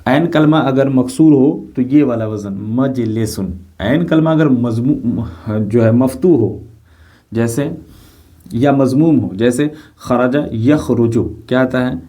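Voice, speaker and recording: Male teacher, middle-aged, warm low-toned delivery; patient lecture style, repeats key terms, frequent rhetorical check questions. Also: slow pace. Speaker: Arabic grammar teacher. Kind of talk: classroom lecture explaining grammar.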